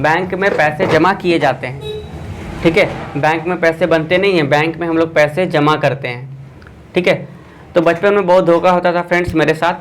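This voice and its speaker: A man's voice: fairly high pitch, noisy background. Man teaching an online exam class. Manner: quizzing viewers with a repeated filler.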